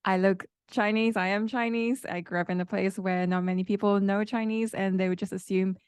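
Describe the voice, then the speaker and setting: A woman's voice: medium pitch, fairly even intonation, a little fast, clear, resonant tone, no room sound. A woman hosting a podcast interview, asking curious, open questions. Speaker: podcast host.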